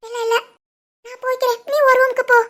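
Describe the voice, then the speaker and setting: A woman voicing a soft tearful young village woman. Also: very high voice, completely flat delivery, fast talker. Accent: Tirunelveli Tamil. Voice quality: soft, subdued.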